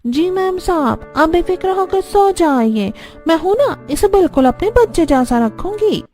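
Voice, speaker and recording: A woman's voice: extremely high pitch, sing-song, unhurried, mellow, soft background music, full character voice. A woman voicing a two-faced young nanny who is falsely polite in a cartoon story. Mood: sugary.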